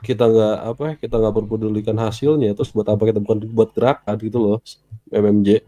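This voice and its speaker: Very fast talker, mellow dark tone, roleplay voice chat. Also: medium pitch, steady tone, dull audio. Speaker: roleplay player.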